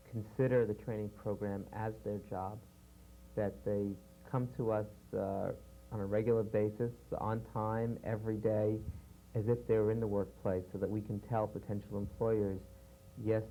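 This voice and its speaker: A man explaining a training program in a measured way with frequent fillers, heard from a worn VHS tape copy. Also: fairly low pitch, mellow, poor audio. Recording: worn VHS tape with faint hiss and hum.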